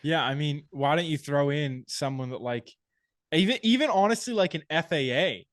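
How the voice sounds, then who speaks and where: Male co-host, fairly high voice, close dry sound, thinks out loud. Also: expressive, dry recording. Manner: thinks aloud, restarts phrases, measured opinions. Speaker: podcast co-host. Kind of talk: casual sports chat.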